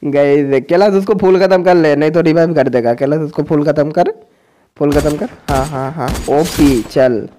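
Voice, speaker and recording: A man, a gaming YouTuber, giving excited, crude-slang commentary as he cheers on his teammates during a match. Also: a little high, normal speed, slight background noise. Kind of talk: excited live gameplay commentary.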